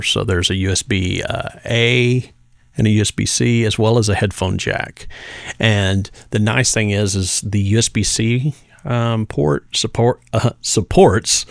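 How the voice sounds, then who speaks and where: A man with a low, gravelly voice gives a casual, conversational product demonstration as a gadget reviewer. The studio-quality recording has no echo, and he speaks hesitantly, pausing mid-phrase.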